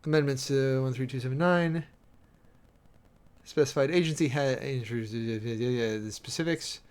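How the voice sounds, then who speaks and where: A man with a smooth, medium-pitched voice reads a document aloud for his stream, commenting as a streamer and preacher. He drops in wry, sardonic asides, sometimes racing through the text and sometimes slowing down for halting emphasis.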